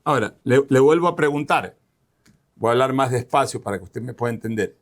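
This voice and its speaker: A man's voice: mid-range voice, a little fast. A man from Ecuador hosting a radio interview, asking direct, pressing questions.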